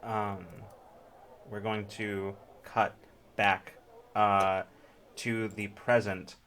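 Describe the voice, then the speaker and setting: A man's voice: lowish voice, a little hiss or hum. Laid-back man narrating as game master. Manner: relaxed, filler-heavy narration with quick put-on voices.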